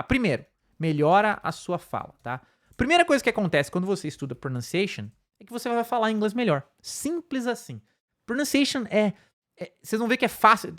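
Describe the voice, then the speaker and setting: Um professor de inglês com sotaque brasileiro explica pronúncia numa aula de curso online, repetindo palavras devagar para demonstrar e pontuando as frases com "tá?" e "né?". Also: medium pitch. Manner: explanatory, tag questions "tá?" and "né?", repeats words slowly to demonstrate. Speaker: English teacher. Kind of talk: online course lesson.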